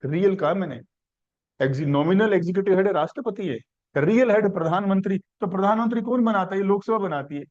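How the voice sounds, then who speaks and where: A man's voice: high-pitched, brisk, a little mellow, lo-fi sound. A man teaching a civics class, asking questions and building the answer step by step through simple examples. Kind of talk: classroom lecture.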